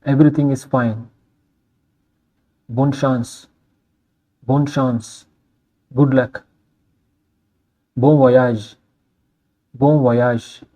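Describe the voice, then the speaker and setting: A man reads out a scripted list of phrases at a very slow, deliberate pace. His voice is mellow and dark, and he says each line twice before giving its English meaning. The delivery is steady and measured. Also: mid-range voice. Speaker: language teacher.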